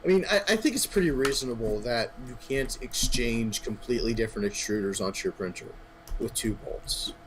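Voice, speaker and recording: A man's voice: mid-range voice, a little fast, a bit bright. A man chatting casually with a friend over a voice call, tossing in joking, teasing asides. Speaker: guest friend. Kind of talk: casual chat. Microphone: voice chat.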